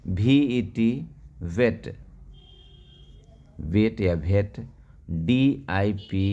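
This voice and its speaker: A man gives a very slow reading lesson in a lowish voice. He spells each short word letter by letter, asks how it reads, then answers his own question. The recording is dull and lo-fi. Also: mellow. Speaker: English reading teacher.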